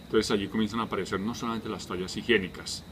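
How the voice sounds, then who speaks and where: Low-voiced man explaining with fillers. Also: steady tone, fairly bright tone, a little hiss or hum. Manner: measured, many fillers, asks and answers own questions. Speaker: humanitarian health worker. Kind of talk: explanatory talk.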